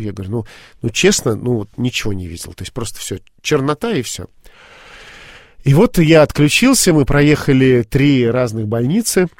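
A man's voice: medium pitch, gravelly, darkish tone, dry recording. Guy telling his story in an interview, stops and restarts a lot, dry close sound. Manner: halting, many fillers and restarts. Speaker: interview guest.

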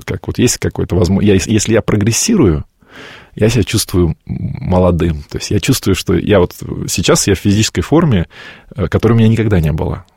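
A man in his late forties answers an interview question slowly and reflectively, often pausing to find the right word. His voice sits low and has a gravelly edge with some huskiness in it. The sound is dry and close. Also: expressive, darkish tone, no echo. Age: 40s. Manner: thoughtful, searching for words, breaks off and restarts. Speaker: guest.

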